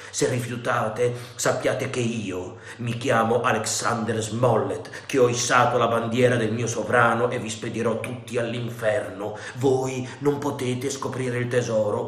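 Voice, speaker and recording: A man voicing a stern, upright naval captain, firm and measured. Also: mid-range voice, reverberant, close to an everyday voice.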